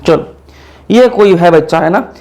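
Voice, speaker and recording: A man's voice: sits high, unhurried, dark tone. A young man teaching an exam-prep biology lecture, casual and chatty, asking questions and answering them himself. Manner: call-and-response questioning, repeating answers.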